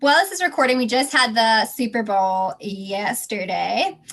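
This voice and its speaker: Young woman co-host, fairly high voice, bubbly and chatty, explaining research casually. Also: unhurried, fairly bright tone, soft background music. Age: young adult. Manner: laughs often, bubbly and chatty. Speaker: podcast co-host. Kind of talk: casual podcast chat and science segment.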